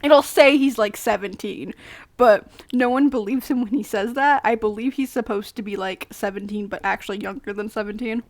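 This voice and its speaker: A woman's voice: medium pitch, moderate pace. An American woman reading a novel aloud on a live stream, often stumbling over words, laughing and breaking off to chat. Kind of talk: casual read-aloud with chat. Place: home streaming setup.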